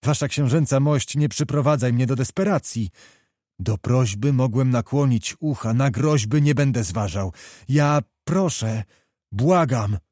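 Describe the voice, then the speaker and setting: A man's voice: medium pitch, a little slow, warm tone, dry recording, clean studio sound, close to an everyday voice. A man voicing an impetuous, hot-tempered young nobleman who pleads with fervent, barely restrained passion in a storybook reading. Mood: fervent pleading.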